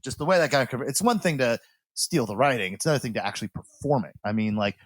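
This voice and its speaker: A man co-hosting a podcast in a loose, informal style. He rambles through casual banter and swears freely. His voice is mid-pitched and recorded close and dry. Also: lively intonation, fast talker, no echo. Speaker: podcast host.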